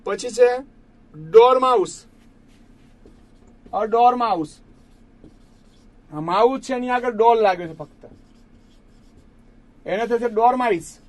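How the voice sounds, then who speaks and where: Brief: male teacher, high voice, patient and repetitive, chats warmly with students as friends. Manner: patient, repeats each word slowly for students; addresses listeners as friends. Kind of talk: classroom lesson explaining English grammar.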